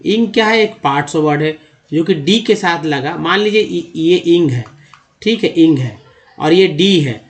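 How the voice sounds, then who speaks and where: A man's voice: on the high side, lively intonation, moderate pace. A man giving a spoken lesson on reading English. He explains step by step, often repeats words and asks his listeners questions. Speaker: English teacher.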